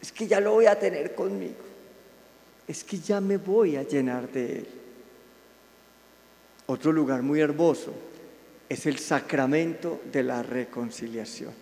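A man, a Franciscan friar giving a sermon to a live audience, warm and playful, with sudden soft, intimate asides. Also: fairly high pitch, unhurried, gravelly, pauses often. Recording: reverberant hall sound.

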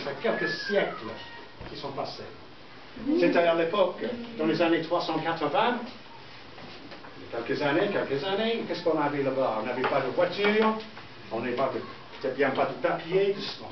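A middle-aged man from southern England, a native English speaker with an English accent, teaching a school class in simple, halting phrases with repetitions. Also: on the high side, animated. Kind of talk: classroom lesson. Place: indoor school classroom with pupils. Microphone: distant camera microphone. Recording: echoey noisy classroom, muffled, from far off.

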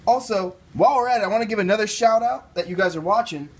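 A young adult man with an American accent hosts a cooking show, explaining a recipe in a playful, slangy way at a quick pace. His voice is high-pitched, and there is slight background noise as he moves between a home kitchen and a grocery store indoors.

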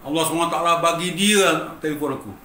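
Talking fast in a slightly high, sharp-toned voice, a middle-aged Malaysian man recounts his life as a guitarist with emotion and emphasis, often addressing the listener as "bang." He has a Malaysian accent, and the recording carries a roomy echo, faint ambience, and a little hiss or hum.

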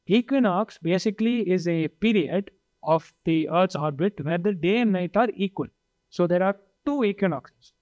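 A man's voice: high voice, no room sound, highs cut off. A man in his twenties with an Indian accent explaining things didactically, posing questions and then answering them. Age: 20s. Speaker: podcast panelist. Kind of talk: explanatory talk. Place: indoor meeting room. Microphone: lapel mic.

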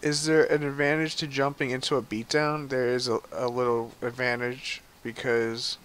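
A man's voice: mid-range voice, flat delivery, normal speed, a bit bright, smooth. A man casually commenting on his live gameplay stream, chatty and profane, answering his chat as he plays.

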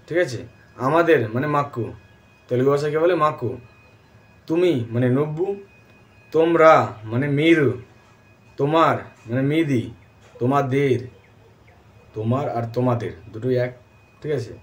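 A man teaching a language lesson in a casual, friendly way. His voice sits a little high for a man. He says each new word several times and often checks in with his viewers. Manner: repeats words and keeps checking with "all right?".

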